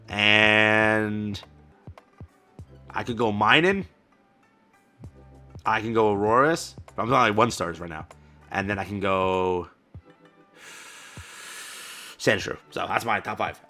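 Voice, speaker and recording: A man hosting a card-game channel, giving an excited, casual reaction commentary full of exclamations and slang like bro and dude. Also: on the low side. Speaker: card game content creator.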